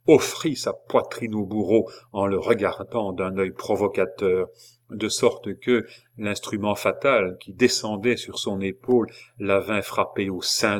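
A man narrating a novel as an audiobook in a measured, dramatic reading with occasional hesitations. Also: fairly low pitch.

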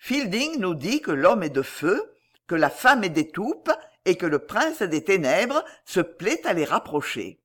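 A woman narrating a classic novel as an audiobook in a measured, expressive way. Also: lowish voice.

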